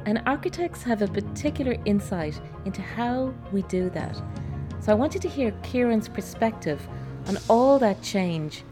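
A woman's voice: mid-range voice, animated, moderate pace, over music. A woman with an Irish accent, presenting a podcast and putting questions as the interviewer.

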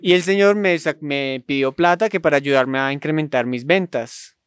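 A Colombian man with a somewhat high-pitched voice tells a rambling, slang-filled story to friends, laughing often. His voice is recorded close and dry, with no room sound. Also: moderate pace, clear, resonant tone, no echo. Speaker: podcast storyteller. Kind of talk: casual chat.

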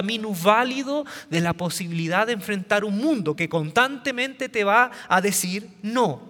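A man's voice: high voice, bright, forceful tone, big-room sound. A man giving a humorous talk on parenting, telling anecdotes with punchlines and often repeating or restarting his words. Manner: storytelling with punchlines and quoted voices. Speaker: speaker on parenting.

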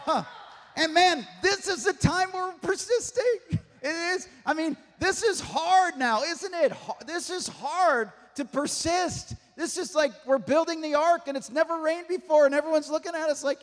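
A man preaches with a high, ringing voice, pressing his points and now and then breaking into shouts or a laugh. His words carry a long reverb, as if filling a large hall. It sounds like a live sermon. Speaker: pastor.

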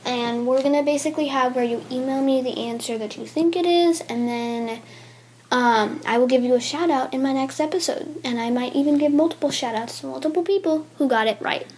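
A young woman hosts her own casual podcast, interviewing her grandmother in a chatty, eager way with lots of ums. Her voice sits high with a somewhat dark tone, she speaks a little fast, and there's slight background noise.

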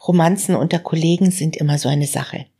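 Female reader doing a fatherly older newspaperman, low voice, gentle warnings. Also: brisk, breathy edge. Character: older male newspaper mentor, wry and fatherly.

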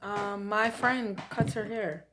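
A woman guest talks in a loose, joking way, pushing back playfully at her host. She eats as she speaks, so her words come around mouthfuls. The talk is relaxed and unscripted. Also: mid-range voice, slow, noisy background. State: eating while talking. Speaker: guest, author and podcaster. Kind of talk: casual chat.

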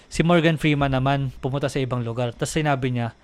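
A man with a Filipino accent chatting casually as a podcast co-host. He tells stories and reads them aloud, stumbling over words and often pausing to search for them. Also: medium pitch. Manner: relaxed and halting, reading stories aloud in stumbling English. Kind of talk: casual chat.

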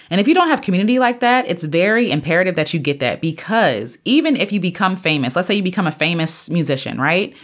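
A woman in her thirties hosting a podcast, talking earnestly and preachily in a casual motivational monologue, with sudden jumps up in pitch. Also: fairly bright tone. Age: 30s. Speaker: podcast host and singer.

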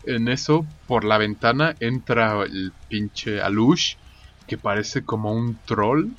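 A man's voice: fairly low pitch, slow, fairly bright tone, highs cut off, soft background music. A Mexican man retelling a film in casual chat, with crude, slangy storytelling.

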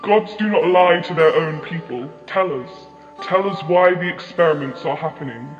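A man's voice: on the high side, moderate pace, natural voice. Defiant female demon, voiced by a man. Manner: insistent, challenging. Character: defiant female demon, questioning her lord. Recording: echoey, reverberant lo-fi with music.

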